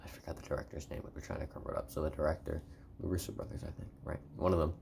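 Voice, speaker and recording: A man giving a soft-spoken, partly whispered ASMR review in a hushed voice, rambling and haltingly rephrasing himself. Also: a bass voice, little pitch movement, gravelly, noisy background. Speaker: video reviewer.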